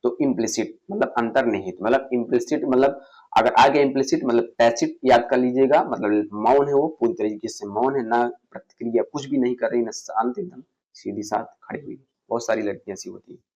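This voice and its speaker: Gravelly male vocabulary teacher. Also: mid-range voice, fairly even intonation, a little fast, darkish tone, lo-fi sound. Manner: asks and answers his own questions, repeats words. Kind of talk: exam-prep vocabulary lesson.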